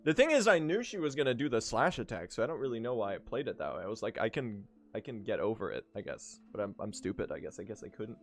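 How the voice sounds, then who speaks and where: A man's voice: on the low side, sing-song, quick pace, hardly any pauses, soft background music. A young man from Sweden chatting and joking with his chat while speedrunning a game. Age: young adult. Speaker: speedrunning streamer. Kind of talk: casual live-stream chat.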